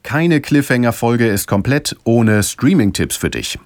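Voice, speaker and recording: A man's voice: mid-range voice, animated, unhurried, no echo, faint music behind. A man presenting a podcast from a prepared script as its host.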